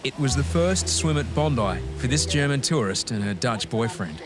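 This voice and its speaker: A man narrates a documentary series in a mid-pitched voice. His delivery is scripted, and music plays prominently behind him. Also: animated, moderate pace.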